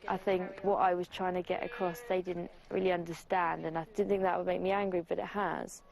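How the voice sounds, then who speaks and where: A woman's voice: lowish voice, level tone, a little fast, creaky, a little mellow. A young woman from England talking frankly on a reality show, often exasperated and self-conscious. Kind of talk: confessional and reactive chat. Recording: noisy field recording.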